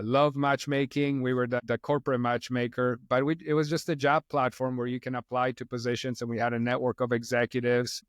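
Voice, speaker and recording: A middle-aged Polish man, a company co-founder, appears as a podcast guest in a casual interview chat. He talks in a relaxed, rambling, wandering way, frequently dropping fillers like "you know." His medium-pitched voice is smooth and resonant, and the sound is dry and close with no room sound.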